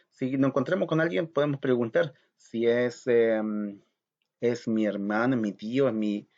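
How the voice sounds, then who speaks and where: A man teaching a recorded language lesson, slow and patient, repeating words for learners to practise. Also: mid-range voice, dull audio.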